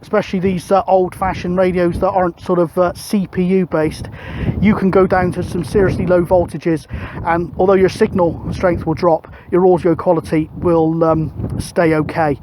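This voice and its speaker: On a grassy hilltop, a British vlogger and CB radio operator chats in an easygoing, colloquial way. His voice is high and darkish in tone, delivered flatly at normal speed, and the poor audio carries a little hiss or hum.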